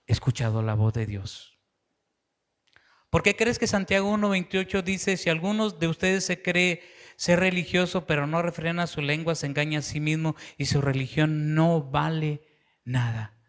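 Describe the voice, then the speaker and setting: Mexican male pastor, earnest sermon delivery, slightly high pitch, acts out story voices.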